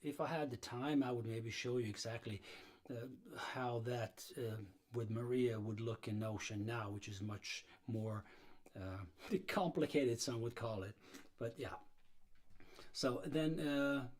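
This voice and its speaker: Hosting a livestream about blues guitar, a middle-aged man from Serbia speaks in an unhurried, medium-pitched voice. His talk is loose and meandering, peppered with fillers and frequent restarts.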